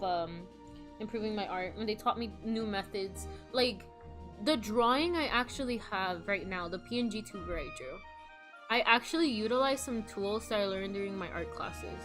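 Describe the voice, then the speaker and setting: A woman's voice: medium pitch, a bit bright. A young adult woman live streamer chatting casually in a rambling, self-deprecating, slangy way. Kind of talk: casual livestream chat. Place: indoors, solo at a computer on a voice call setup. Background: background music.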